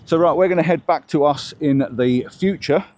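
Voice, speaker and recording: A vlogger reviewing gear, a man with a fairly high, darkish voice, talks at a moderate pace while casually demoing and testing equipment and thinking aloud. He starts outdoors on a bike and later moves indoors.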